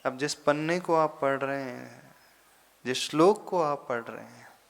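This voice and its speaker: Slow, deliberate male monk preaching. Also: medium pitch, creaky. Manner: slow, deliberate teaching with pauses and sudden emphatic rises. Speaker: Jain monk giving a discourse. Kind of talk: sermon.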